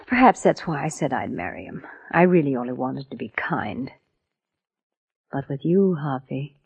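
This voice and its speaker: A woman's voice: extremely low pitch, big pitch swings, normal speed, creaky, husky, exaggerated voice. An actress playing a scheming, seductive and imperious frontier woman in a 1950s radio western. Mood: coy, then indignant. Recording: muffled old 1950s radio recording.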